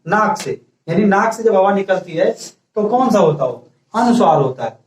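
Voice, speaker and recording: A man teaching a grammar lesson who keeps checking in with his class, asks questions he answers himself, and dictates slowly for note-taking. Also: sits high, expressive. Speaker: school teacher. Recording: echoey room, voice from far off the mic.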